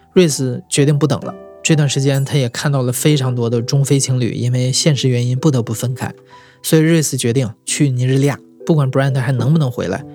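Mid-pitched male podcast narrator, measured and even, faint music underneath. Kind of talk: scripted narration. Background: soft music.

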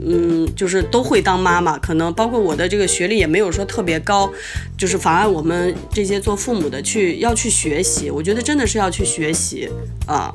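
Woman in her thirties, chatty mother, lots of fillers, middling pitch, faint music underneath. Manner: chatty, many fillers and self-quotes. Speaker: mother sharing parenting experience. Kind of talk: casual storytelling.

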